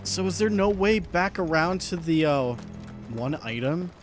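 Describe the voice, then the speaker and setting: A man's voice: fairly high pitch, lively intonation, measured pace. Chatty, self-mocking male game streamer. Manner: chatty, self-deprecating, trips over words. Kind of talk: casual gameplay commentary. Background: game music.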